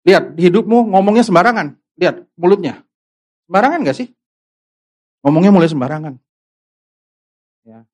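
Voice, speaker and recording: Male preacher, slightly high voice, casual sermon, talks right to the congregation, acts out examples. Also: normal speed, pauses often. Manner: animated, acts out voices of worried believers; asks the audience questions directly.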